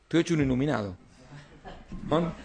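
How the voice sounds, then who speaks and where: A man's voice: fairly high pitch, lively intonation, a little fast, creaky, crowd noise. A man, a rabbi, teaching an informal Talmud class, explaining texts and often checking that his students follow.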